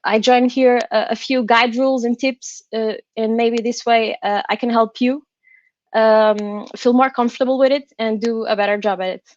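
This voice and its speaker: A woman who isn't a native English speaker presents an online design workshop from indoors on a call, her English careful, hesitant and halting. Her voice is a little high with fairly even intonation; there's no echo, and the highs are cut off.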